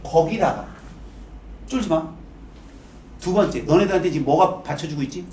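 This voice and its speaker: A man's voice: fairly high pitch, lively intonation, darkish tone, a little hiss or hum. A man teaching a class in a blunt, informal way, firing rhetorical questions at his students. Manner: brisk, full of rhetorical questions. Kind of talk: lecture to students. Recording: echoey room, mic far off.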